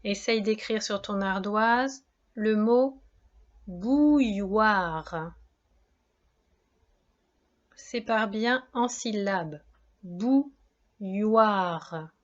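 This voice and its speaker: Woman, teacher, spelling dictation for young kids, very slow, syllable by syllable, dull lo-fi sound. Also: medium pitch. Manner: encouraging.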